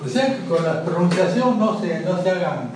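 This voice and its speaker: A man's voice: sits high, expressive, moderate pace. A man lecturing a class in a loose, chatty way, often asking "¿no?" and laughing at his own jokes. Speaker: teacher of Sanskrit and language. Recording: echoey room, voice from far off, noise.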